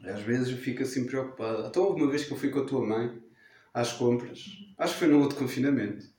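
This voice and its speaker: A man with a European Portuguese accent telling stories in a casual chat, animated and self-mocking. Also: mid-range voice, quick pace. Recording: echoey room.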